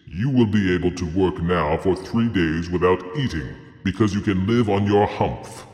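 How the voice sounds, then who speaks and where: A man voicing a grand, stern male desert Jinn in a storybook, speaking slowly and weightily in an admonishing way. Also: low voice, darkish tone, lightly acted. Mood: lecturing. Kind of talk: storybook character voice. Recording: roomy echo with long reverb.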